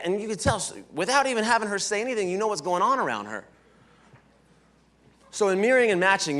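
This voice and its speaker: A man giving a live motivational training talk at a conference, energetic, often asking "right?" and throwing questions to the audience. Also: sits high. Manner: energetic, keeps checking in with "right?". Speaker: sales leadership trainer. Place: conference hall, indoors.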